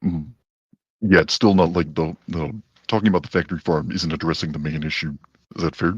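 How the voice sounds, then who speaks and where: Extremely deep man, sounds pitch-shifted. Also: steady tone, a little fast, breathy edge, no room sound, lo-fi sound. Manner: hesitant, many fillers and restarts. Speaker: caller in a debate. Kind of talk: casual call-in debate.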